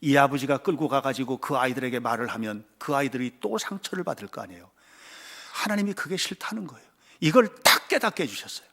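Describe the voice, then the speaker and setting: A male pastor preaching a sermon in a church, swinging between loud cries and hushed whispers and acting out voices in his stories. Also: medium pitch, lively intonation, quick pace. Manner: acts out quoted voices in stories. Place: church sanctuary.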